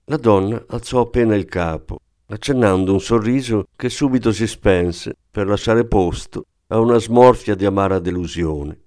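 A man narrating a novel in a measured, even storytelling manner. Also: fairly low pitch, no echo, studio quality. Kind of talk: scripted audiobook narration.

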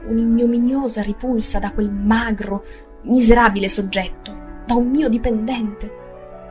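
A woman narrating a literary audiobook in a measured, expressive way, some phrases dropping nearly to a whisper. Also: on the high side.

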